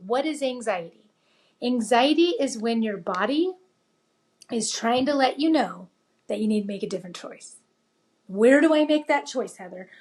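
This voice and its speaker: A middle-aged woman shares her life story with an interviewer. She speaks with a slightly high voice and keeps it animated, slipping into the voices of the people she quotes. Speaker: interview guest. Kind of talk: personal storytelling.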